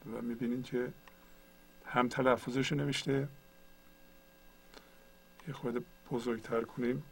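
A man's voice: medium pitch, flat delivery, gravelly, slight background noise, rough recording. A man teaching a computer tutorial, patiently explaining each step one at a time. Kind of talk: screen-share tutorial.

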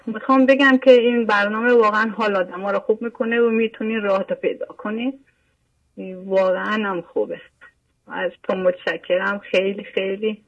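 A woman's voice: mid-range voice, fairly even intonation, dull audio. An older woman calling in, telling a personal story in an earnest, repetitive way. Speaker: caller. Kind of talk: phone-in chat.

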